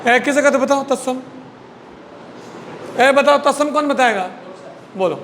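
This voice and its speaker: A man's voice: extremely high pitch, measured pace, fairly bright tone, big-room sound, a little hiss or hum. A man teaching a Hindi class, drilling word pairs, repeating each word and prompting students to answer. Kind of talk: classroom lesson.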